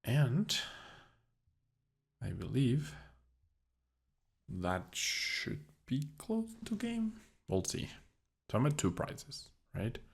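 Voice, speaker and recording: A man's voice: wildly swooping pitch, drawn-out words, vocal fry, long pauses, slightly rough. A young man casually commentating his own card game as he plays, thinking aloud with a dry, sarcastic streak. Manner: low-key, dryly sarcastic, thinking aloud. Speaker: gameplay commentator.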